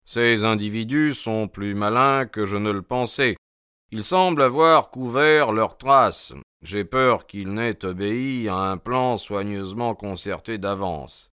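A man voicing a sharp, shrewd gentleman detective in an audiobook, talking brisk and crisp. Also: on the low side, no echo, clean studio sound. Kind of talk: audiobook character voice.

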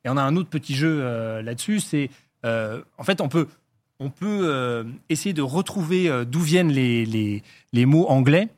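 A man's voice: medium pitch, lively intonation, normal speed, a little mellow. A man explaining things in casual chat, with many fillers and restarts. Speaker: guest linguistics enthusiast.

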